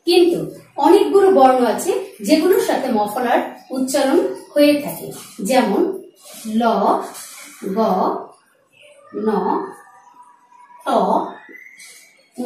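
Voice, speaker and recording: A woman teacher giving a pronunciation lesson to her students. She draws out example words slowly and calls her students friends. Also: high-pitched, dark tone, a little hiss or hum. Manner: slow, drawn-out demonstration of words. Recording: very echoey, from far off the mic.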